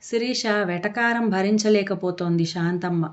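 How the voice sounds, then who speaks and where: A woman narrating a family story in a measured storytelling manner. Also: medium pitch. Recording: dull lo-fi audio.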